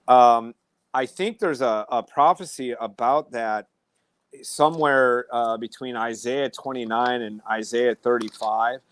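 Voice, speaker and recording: Guy hosting a chill faith talk, smooth voice, dry sound, lots of um and uh. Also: mid-range voice, no echo. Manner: halting, many fillers and restarts. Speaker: host. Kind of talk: casual discussion on a live stream.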